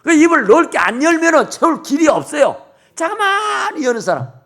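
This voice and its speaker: A man's voice: extremely high pitch, big pitch swings, normal speed, creaky, a bit bright. A middle-aged male pastor preaching a sermon emphatically in a church, acting out the dialogue of the people in his story. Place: church sanctuary. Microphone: TV camera recording.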